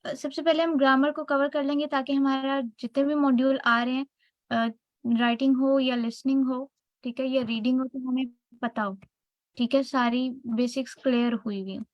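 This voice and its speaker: A woman with a Pakistani accent leads an online lesson, talking through each point and stopping often to check that her students follow. Her voice sits a little high and sounds dry and close, with no room around it. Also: flat delivery, moderate pace, no echo, muffled recording. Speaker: teacher. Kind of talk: online class lecture.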